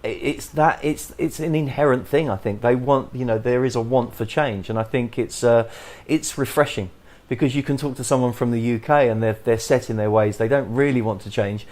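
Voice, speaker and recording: A man with an English accent hosting a podcast interview, talking haltingly with many restarts. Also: medium pitch, darkish tone. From England. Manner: halting, many restarts and fillers, chuckles often. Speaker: podcast host.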